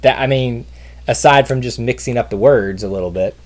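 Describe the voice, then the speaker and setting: A man's voice: medium pitch, brisk. A man with a Southern accent co-hosting a casual trivia livestream, chatty and enthusiastic, often trailing off and restarting. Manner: enthusiastic, rambling, self-interrupting. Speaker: trivia show co-host.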